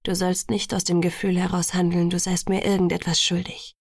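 A woman whispering as Edward, gentle vampire. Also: lowish voice, brisk, creaky, no room sound, studio quality. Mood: tender. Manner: soft, calm and tender. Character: gentle restrained young male vampire lover. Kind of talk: whispered role-play.

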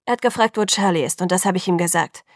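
A woman's voice: fairly low pitch, fast, no room sound. A hostile young man speaks in cold, clipped lines, as a woman reads him in an audiobook. The sound is dry and close, with no room around it.

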